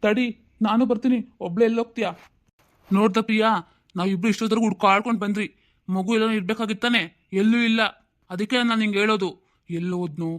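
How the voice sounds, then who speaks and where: A man playing a scolding, fast-talking husband. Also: high voice, steady tone, close to an everyday voice. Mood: worried. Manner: scolding, bossy, rapid-fire. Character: stern angry husband and father. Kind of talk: amateur audio family drama.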